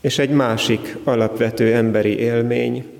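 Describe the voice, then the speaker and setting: A man preaching a sermon in a slow, measured, reflective way, pausing often between short phrases. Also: mid-range voice, steady tone, vocal fry, darkish tone, long reverb tail. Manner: slow, measured, reflective delivery with long pauses.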